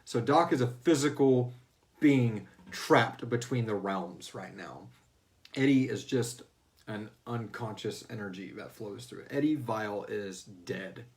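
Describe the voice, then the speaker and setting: Hosting a livestreamed Q&A for fans of the fiction series he writes, a Houston-born American man speaks in a lowish voice at a measured pace. He's informal and joking throughout, slipping into playful voices as he chats.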